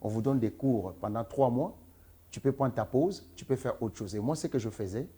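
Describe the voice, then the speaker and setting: A man's voice: medium pitch, normal speed, dark tone, husky. A man from the Democratic Republic of the Congo, answering interview questions as a guest, earnest and emphatic. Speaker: interview guest, entrepreneur and author.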